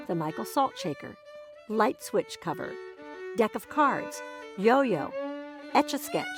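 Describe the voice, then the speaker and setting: A woman narrating her own documentary in a wry, dry storytelling manner. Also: mid-range voice.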